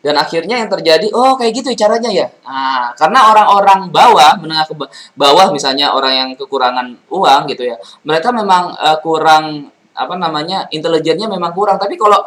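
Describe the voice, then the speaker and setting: A man's voice: on the high side, brisk, fairly bright tone, poor audio. A man giving business advice in a loose, chatty monologue, full of fillers and restarts. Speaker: property and business consultant.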